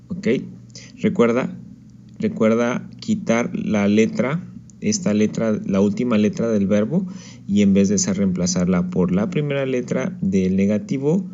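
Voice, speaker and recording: Male teacher, slow and patient, mellow tone, dull lo-fi recording. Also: fairly low pitch, slight background noise. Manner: patient, checks in with "¿ok?". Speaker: Japanese teacher. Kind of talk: slide-based language lesson.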